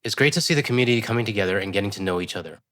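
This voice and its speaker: Fast-talking congested man, low voice. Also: lively intonation, fairly bright tone. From West Coast of Canada. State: congested from a cold. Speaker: news commentary channel host. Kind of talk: casual commentary.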